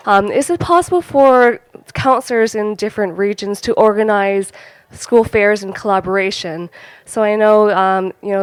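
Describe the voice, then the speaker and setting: A woman's voice: mid-range voice, smooth, no echo, rough recording. A woman politely putting a question to a panel as a university representative, explaining her reasoning.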